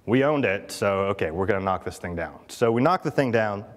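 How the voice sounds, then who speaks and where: A man's voice: on the low side, expressive, a little fast. A man speaking at a conference, chatty and full of fillers, often checking in with the audience. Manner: chatty, asks the audience questions, many fillers. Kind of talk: conference keynote talk. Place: large conference hall. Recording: long hall reverb.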